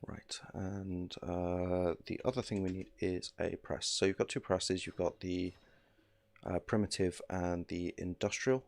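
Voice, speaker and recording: A man's voice: sits low, little pitch movement, a little slow. A man in his thirties streaming a game from home, chatting casually into a desk mic with lots of fillers and asides. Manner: rambling, filler-heavy, easygoing. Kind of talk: casual gameplay commentary.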